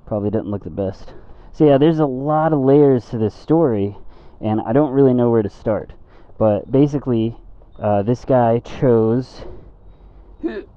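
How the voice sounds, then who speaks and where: A man chatting casually and digressively from inside a helmet while riding a motorcycle, in a laid-back, slangy way. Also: medium pitch. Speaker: motorcycle vlogger. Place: outdoors, riding a motorcycle on public roads at night. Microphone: microphone inside a helmet. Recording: muffled phone-like helmet mic, loud engine and road noise.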